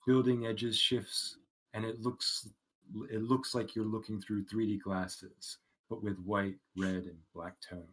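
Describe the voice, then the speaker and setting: A man running a tabletop game over a voice call, reading the scene description slowly and evenly. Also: lowish voice, little pitch movement, poor audio. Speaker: game master.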